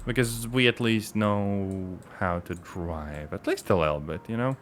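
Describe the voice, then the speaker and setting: A man's voice: fairly low pitch, a little slow. A man streaming a game, thinking aloud in casual commentary with mild grumbles, game music playing behind. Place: home streaming setup.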